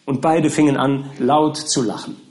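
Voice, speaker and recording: A man with a mid-range voice narrates a scripted audiobook at normal speed, telling the story in an expressive way.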